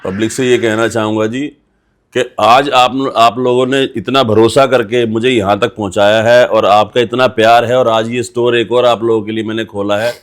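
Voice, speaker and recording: A man's voice: medium pitch, normal speed. Assured middle-aged shop owner, man. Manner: steady, assured sales talk. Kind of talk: promotional interview.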